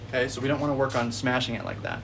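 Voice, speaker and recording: Broadcasting from his backyard, a relaxed man in his twenties chats about golf tips on a livestream, calling viewers bro in a friendly, easygoing way. His mid-range voice runs very fast and sits far from the phone mic, with an air conditioner's hum and outdoor noise clearly audible.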